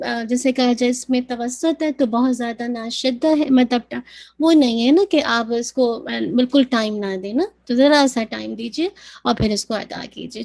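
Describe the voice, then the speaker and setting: A woman teaching Quran recitation, patiently demonstrating sounds slowly and repeating them. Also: high-pitched, darkish tone. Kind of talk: tajweed lesson, mixing Urdu and English.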